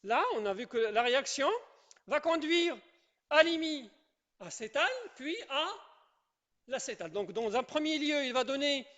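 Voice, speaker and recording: A chemistry teacher with a high voice lectures a class from the board. The teacher keeps repeating key points and checking that students follow. Now and then the teacher asks the room for the next step and praises the answers. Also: expressive, a little slow, a bit bright, highs cut off. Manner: repetitive, checks in with "d'accord?" and "je répète".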